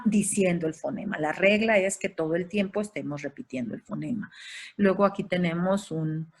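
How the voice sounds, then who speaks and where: Husky woman lecturing. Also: on the low side. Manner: explanatory, listing examples, with frequent hesitations. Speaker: educational psychologist and consultant. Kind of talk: online lecture for teachers. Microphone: video call.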